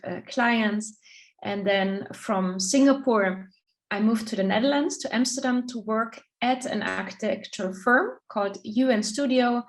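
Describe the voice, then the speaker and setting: Austrian lady business coach in an interview, thoughtful, lots of little pauses and restarts. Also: medium pitch, rough recording. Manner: thoughtful, many hesitations and restarts. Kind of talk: casual interview, video call.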